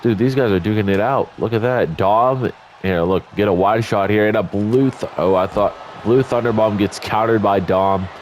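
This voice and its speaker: Just out of bed and audibly congested, a male YouTube gamer rambles through play-by-play of a wrestling game, chatting, going off on tangents, and correcting himself. His voice is lowish and his speed normal, with faint game music and slight background noise in the mix.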